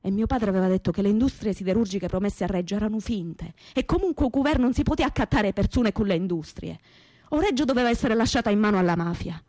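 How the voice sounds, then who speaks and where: Speaking in a medium-pitched voice with a Calabrian accent, a stage actress narrates a radio theatre monologue as a naive young woman of simple background from southern Italy, using plain, colloquial, dialect-flavored phrases. Her delivery is animated, quick and earnest, with a darkish tone close to an everyday voice. The recording is dry, with no room around her.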